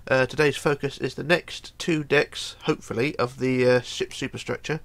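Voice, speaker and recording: At his home computer desk, a middle-aged man hoarse with a cold hosts a casual game build tutorial, chatting, mumbling, and counting blocks aloud. His voice is medium-pitched, steady, creaky, and fairly bright, at a moderate pace.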